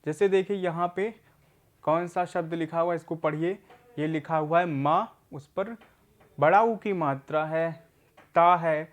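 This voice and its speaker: Patient man teaching a reading lesson. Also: fairly high pitch. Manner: patient, asks questions and answers them himself; repeats words slowly for learners. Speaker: literacy teacher.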